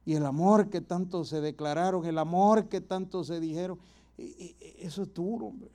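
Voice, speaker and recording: A preacher man delivers a sermon, pressing his listeners with repeated rhetorical questions. His voice sits high for a man, yet it has a soft, mellow color. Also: steady tone, normal speed.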